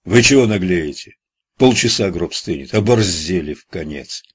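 A brisk gravedigger foreman who gives curt, practical orders, read by a male narrator. His voice is low and husky. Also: lively intonation. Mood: commanding.

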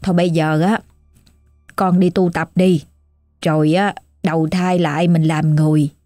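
A woman voicing an older male spirit master in a ghost story, coaxing and gentle, with a Southern Vietnamese accent. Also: sits low, level tone, moderate pace, no room sound, studio quality, soft background music, pitched below the performer's own voice, natural voice. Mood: soothing.

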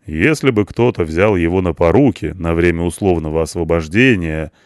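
A man voicing a calm, wry police officer who slowly dictates a report in formal wording. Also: low-pitched, no room sound, studio quality, close to an everyday voice. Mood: dictating.

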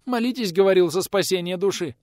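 A man putting on shrill frightened peasant women. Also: fast talker, smooth, no room sound, clean studio sound, close to an everyday voice. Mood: frightened pleading. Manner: high, shrill, pleading. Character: frightened peasant women, older woman wailing.

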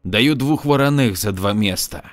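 A man's voice: lowish voice, a little slow, no echo, studio quality, faint music behind, lightly acted. A man voicing a blunt, determined young officer who speaks plainly. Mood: pressing.

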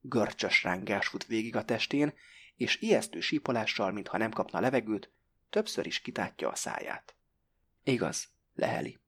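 Husky male audiobook narrator. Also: lowish voice, lively intonation, fairly bright tone. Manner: measured, first-person storytelling.

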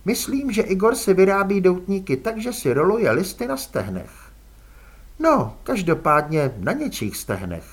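An elegant female vampire with a cool, drawling, aristocratic manner, as a male audiobook narrator puts her on. The voice rides high and swoops all over, with a husky grain underneath. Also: very animated, exaggerated voice. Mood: cool, poised. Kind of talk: audiobook character voice.

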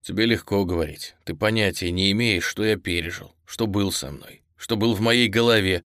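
Man playing a gruff, curt young man. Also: deep voice, moderate pace, a bit bright, no echo, studio quality. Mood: bitter. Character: blunt, gruff young man, whispering harshly.

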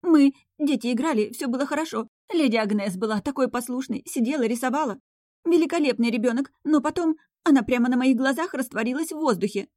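A woman's voice: on the high side, lively intonation, a little fast, few pauses, darkish tone, no room sound, clean studio sound, voice pushed up, natural voice. A woman voicing a breathless, panicking female governess in an audiobook. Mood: panicked. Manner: breathless, lamenting.

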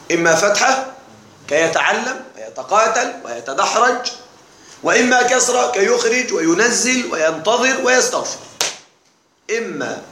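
A man's voice: sits high, bright, forceful tone. A man teaching a classroom grammar lesson. He asks the class questions and answers them himself. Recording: echoey room recorded from a distance.

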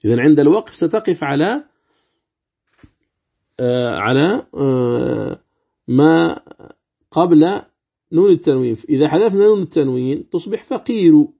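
Gravelly husky sheikh teaching recitation. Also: male voice, fairly high pitch, lively intonation, mellow, highs cut off. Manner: explains step by step, asks and answers his own questions; demonstrates recitation of words slowly. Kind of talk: religious lesson commentary.

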